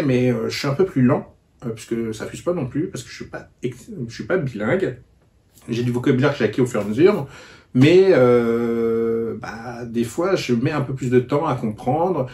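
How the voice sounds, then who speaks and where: Man, book vlogger, casual chat, halting, filler-heavy, mid-pitched voice. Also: darkish tone. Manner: hesitant, many fillers and restarts. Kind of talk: casual book-review vlog.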